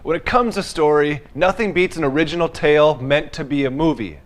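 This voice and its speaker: A man's voice: on the high side, fairly quick, faint music behind. A man making dry, mocking points in a scripted comedy debate.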